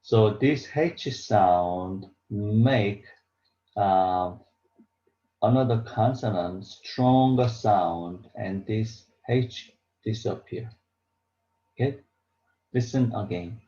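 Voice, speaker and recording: A man teaches a beginner pronunciation lesson in halting, repetitive, simple English. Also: on the low side, mellow. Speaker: Korean language teacher. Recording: roomy echo, dull lo-fi sound.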